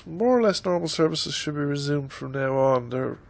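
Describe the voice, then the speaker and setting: An Irish YouTuber in his fifties gives a casual vlog update at a desk microphone on a stand, rambling hesitantly with many ums. A head cold has stuffed up his nose. His voice is on the high side and gravelly, with lively intonation at a moderate pace.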